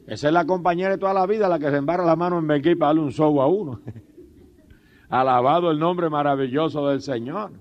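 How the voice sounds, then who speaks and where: A man's voice: on the high side, a little fast. Fervent male pastor preaching on dull tape. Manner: fervent preaching with frequent praise interjections; humorous storytelling with laughs. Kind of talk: sermon.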